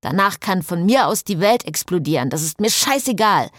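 A woman voicing an impatient man, a groom who scolds and curses loudly in an audiobook. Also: fairly low pitch, lively intonation, moderate pace, no echo, studio quality. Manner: scolding, loud.

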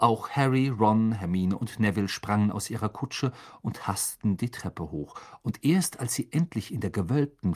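A man narrating a fantasy audiobook with expressive, dramatic storytelling. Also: fairly low pitch, breathy edge. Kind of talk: scripted narration.

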